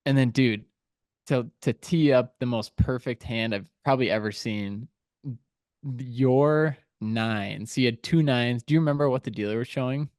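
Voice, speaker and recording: Excited man telling a story, dry sound. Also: mid-range voice, normal speed, no room sound. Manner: animated storyteller, lots of "like" and "dude". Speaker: podcast co-host. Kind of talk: casual chat, storytelling.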